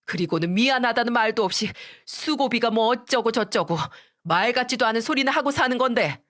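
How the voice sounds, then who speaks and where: A woman's voice: a little high, expressive, brisk, fairly bright tone, voice pushed up. A woman voicing an angry elderly father-in-law who scolds his son in a raised voice. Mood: furious.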